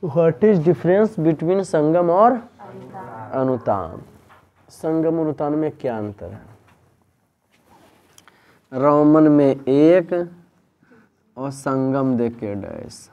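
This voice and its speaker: A male teacher runs a grammar class, and he speaks slowly and deliberately. He drills his students with repeated questions. The sound is dull and lo-fi, as if recorded in a plain classroom. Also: a little high, expressive, slight background noise. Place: tuition classroom.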